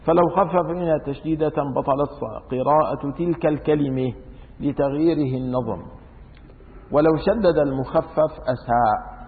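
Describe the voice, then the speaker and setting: A man's voice: on the high side, normal speed. A man giving a religious law lesson, reading a classical text and then explaining it in dialect, repeating words aloud to show how they are pronounced. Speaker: religious teacher. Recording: echoey hall over a tinny phone-like line.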